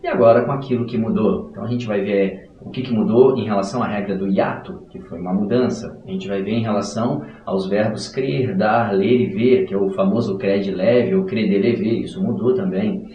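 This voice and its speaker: A man's voice: fairly low pitch, steady tone, a little fast, few pauses, distant mic. A male teacher wrapping up a lesson, chummy and joking with his students. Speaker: grammar teacher. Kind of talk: video lecture outro. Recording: dull, echoey room, off-mic.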